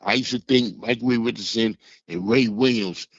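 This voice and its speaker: Caller on a phone line: man in his sixties, low voice, rambling and halting, a little muffled. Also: dry recording. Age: 60s. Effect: heard over a phone line. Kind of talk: casual phone-in storytelling.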